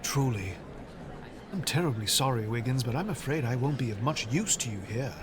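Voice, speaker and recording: Here the actor's take on the eager, courteous young Englishman and opera enthusiast sounds close to an everyday voice: medium pitch, expressive, normal speed. He rambles enthusiastically over a noisy background.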